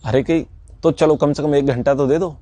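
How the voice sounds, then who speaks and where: A man voicing a panicked, wealthy old merchant who bargains in rushed bursts, begging for more time, recorded dry and close. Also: on the high side, steady tone, warm tone, dry recording, natural voice. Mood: pleading.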